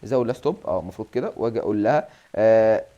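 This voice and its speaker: A man's voice: fairly low pitch, lively intonation, very fast, mellow, lo-fi sound. A young Egyptian man with an Egyptian Arabic accent, chatting casually and thinking aloud as he plays a mobile game, self-mocking and full of fillers. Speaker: gaming channel host.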